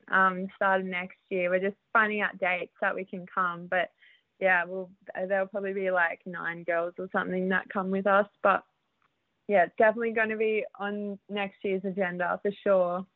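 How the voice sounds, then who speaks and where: A woman's voice: medium pitch, dry recording. A young Australian woman, a motocross rider, chatting as an interview guest, chatty and laughing often with lots of fillers. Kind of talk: casual interview. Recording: dry tinny phone-like line.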